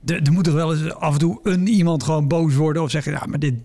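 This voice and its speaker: Man, podcast host, fairly high voice, curious questions, casual. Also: fairly even intonation, fast, warm tone. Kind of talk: casual interview chat.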